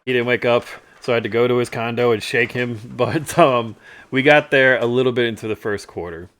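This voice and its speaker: Chuckling often, a storytelling show host on a live stream retells funny anecdotes over photos in a relaxed way, acting out people's words with animation. His medium-pitched voice moves at a fairly quick pace.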